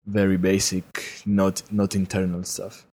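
A man's voice: deep voice, completely flat delivery, a little slow, darkish tone, breathy edge. A young man from Greece with a Greek accent, chatting casually on a podcast and often repeating words as he starts. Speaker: podcast co-host. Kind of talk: casual chat.

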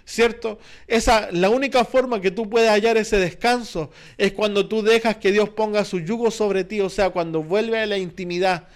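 A man's voice: sits high, normal speed, few pauses. A man with a Chilean Spanish accent preaching a sermon as pastor, earnest and repetitive, with many rhetorical questions.

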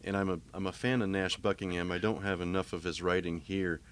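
Deep-voiced relaxed male podcast host. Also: brisk. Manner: relaxed, easygoing, many restarts. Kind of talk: casual interview chat.

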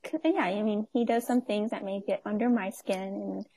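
Here the casual interview guest, a woman in her twenties who owns a nonprofit, talks at a moderate pace with a steady, mellow, medium-pitched voice. Fillers pepper her speech, and laughter comes easily.

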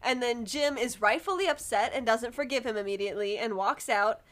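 A woman with a high, light voice talks in a casual book-club podcast chat. She recaps the plot bluntly, with plenty of swearing. Her tone is frank and unfiltered. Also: brisk, fairly bright tone. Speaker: podcast co-host.

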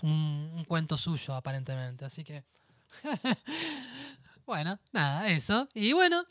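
A man's voice: sits high, bright, forceful tone, no echo, studio quality. A young man with a Rioplatense Argentine accent, co-hosting a literary radio show, giving a hesitant book commentary full of restarts. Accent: Rioplatense Argentine Spanish. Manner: hesitant, repeats and restarts words.

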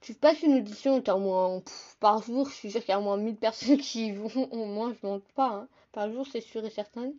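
A young woman hosting a casual solo podcast, talking fast and chatty, often calling her listeners "the guys". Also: on the high side, dark tone, dull audio. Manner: fast, chatty, addresses listeners as "les gars". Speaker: podcast host.

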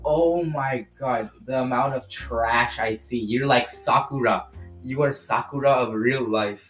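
A male co-host in a casual podcast chat, excitable and fond of roasting his friends. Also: mid-range voice, a little slow, faint music behind.

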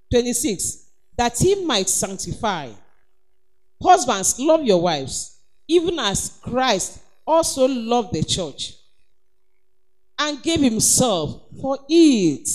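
High, lively Nigerian woman preaching. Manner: emphatic, exhorting, calls of praise. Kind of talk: sermon.

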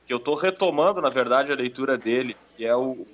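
A man's voice: mid-range voice, expressive, brisk, a bit bright. Hesitant man, slightly dull sound. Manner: hesitant, searching for words. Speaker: talk show guest. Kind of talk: casual conversational recommendation.

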